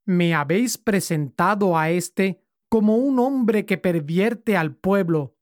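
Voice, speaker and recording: A woman's voice: medium pitch, lively intonation, darkish tone, dry recording, clean studio sound. Woman reading as a stern Roman governor. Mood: formal. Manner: measured formal reading.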